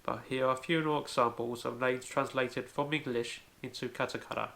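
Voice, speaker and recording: A man's voice: mid-range voice, steady tone, normal speed, creaky, a bit bright. A man hosting a home-made language tutorial, explaining carefully step by step and often starting with "so". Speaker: language video host.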